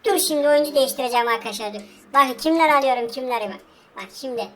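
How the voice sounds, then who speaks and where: A woman hosting a gaming channel, commenting on her match in a casual let's-play way, excitable and groaning loudly at what happens on screen while talking straight to her viewers. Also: high-pitched, fast talker. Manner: talks straight to viewers, over and over.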